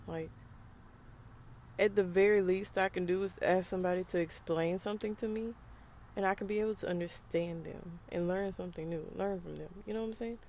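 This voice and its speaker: A woman's voice: lowish voice, steady tone, a little fast, a little mellow, slight background noise. A woman with a Southern US accent talking frankly and emphatically to camera in a casual monologue, with frequent conversational asides. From United States. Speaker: vlogger.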